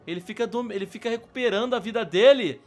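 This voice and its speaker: Young Brazilian male gaming host, high and fast, frantic excited commentary. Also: soft background music. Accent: Brazilian Portuguese. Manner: frantic, shouting during fights. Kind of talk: excited Minecraft let's-play chatter.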